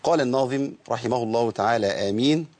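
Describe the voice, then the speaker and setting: A man with an Egyptian accent teaching Quranic recitation rules, explaining casually and chanting verse text slowly. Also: mid-range voice, darkish tone. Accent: Egyptian Arabic. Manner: switches between colloquial explanation and slow melodic chanting.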